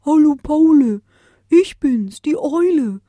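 A woman's voice: high voice, expressive, takes it slowly, dark tone, dry recording, voice pushed up. A woman voicing an owl messenger that talks in an urgent, insistent way.

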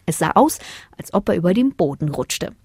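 A woman reads a children's story aloud in a low, slightly husky voice. She keeps an even, calm storytelling pace. The sound is close and dry. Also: normal speed, no room sound.

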